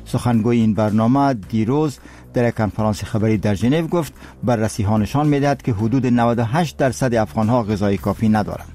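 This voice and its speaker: A male radio newsreader with an Afghan accent delivers scripted news solemnly and formally. His voice is mellow and dark, of middling pitch, with faint music behind it.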